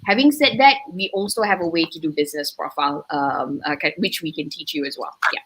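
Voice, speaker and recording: Bright-voiced Malaysian woman chatting. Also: low-pitched, a little fast, breathy edge, low-quality recording. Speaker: panel guest, business coach. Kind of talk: casual chat.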